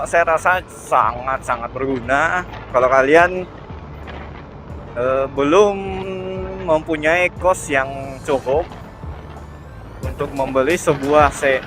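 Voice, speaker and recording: With a slightly high, fairly bright voice, an Indonesian host explains things casually in his motovlog. He is outdoors on a motorbike, speaking hesitantly and frequently correcting himself.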